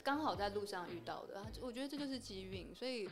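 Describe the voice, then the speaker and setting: Model guest: woman, quick and frank, music underneath. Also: mid-range voice. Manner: frank, animated storytelling. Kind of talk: casual podcast conversation.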